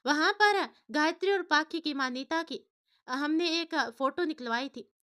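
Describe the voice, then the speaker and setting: A woman's voice: high voice, unhurried, pushed and bright. A woman voicing an old storytelling grandmother. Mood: wistful. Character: gentle old grandmother telling the past.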